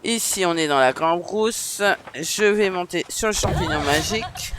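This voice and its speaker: A man's voice: high-pitched, unhurried, fairly bright tone, a little hiss or hum. A man with a northern French accent giving casual, chatty let's-play commentary, with frequent hesitations. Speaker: gaming streamer.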